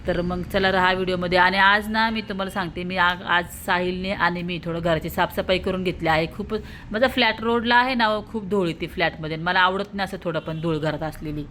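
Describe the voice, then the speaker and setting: A woman's voice: lowish voice, steady tone, a little fast, sharp tone, a little hiss or hum. A woman from Maharashtra in her thirties, a mother vlogging at home, chatting to viewers and explaining her chores step by step. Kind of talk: casual vlog narration to viewers.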